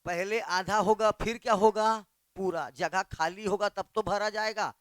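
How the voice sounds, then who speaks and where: A man's voice: sits high, fairly even intonation, a bit bright, clear, resonant tone, dry recording, clean studio sound. A male Hindi tutor with a Chhattisgarhi Hindi accent, teaching a class and drilling students with questions that he answers himself. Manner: quizzing questions then answering them; slow, emphatic spelling out of letters. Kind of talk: classroom lesson.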